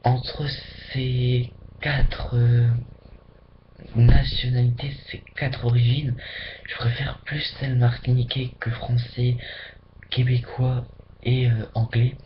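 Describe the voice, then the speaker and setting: Man from France, casual webcam vlogger, mid-pitched, chatty with whispered asides; dull lo-fi mic, slight background hiss. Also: little pitch movement, slow. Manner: chatty and rambling, dips into whispers for emphasis.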